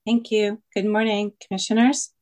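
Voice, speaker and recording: A woman's voice: medium pitch, flat delivery, moderate pace, darkish tone. Earnest woman caller reading a comment. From Washington State. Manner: earnest, reads from notes, some ums. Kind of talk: prepared public comment. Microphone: phone call-in.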